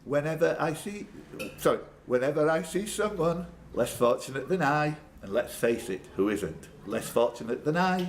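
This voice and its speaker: Fairly high-pitched and animated, this quiz host talks at a moderate pace with few pauses. Inside a pub during a live quiz, he reads out the questions and then trades off-the-cuff jokes with the contestants over background room noise.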